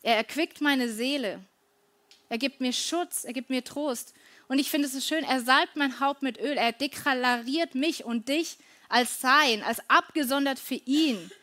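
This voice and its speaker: A woman's voice: high-pitched, unhurried, bright, forceful tone. A middle-aged woman giving an earnest, conversational devotional talk, often turning to her listeners with questions.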